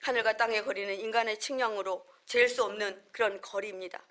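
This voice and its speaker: A woman's voice: fairly even intonation, brisk, fairly bright tone. Korean woman pastor preaching earnestly. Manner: earnest, conversational preaching with homely family examples; acts out short quoted lines with sudden rises in pitch and volume. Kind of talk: sermon.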